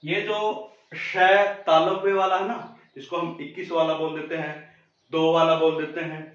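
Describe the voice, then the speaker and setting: A man teaching a pronunciation lesson, repeating each sound slowly and quizzing the listener. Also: on the high side, level tone. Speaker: Hindi teacher. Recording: very echoey muffled room.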